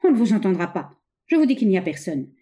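A woman's voice: mid-range voice, big pitch swings, fast, warm tone, natural voice. A woman voicing a brutal, obsessive masked male bandit in an audiobook reading, with an insistent, commanding delivery.

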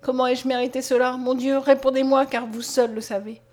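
Tearful, pleading young peasant girl for a storybook reading, as a woman reads her; high, ringing voice. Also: flat delivery, normal speed, darkish tone, lightly acted. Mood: anguished. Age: young adult. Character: devoted nineteen-year-old peasant girl, passionate. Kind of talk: audiobook character reading.

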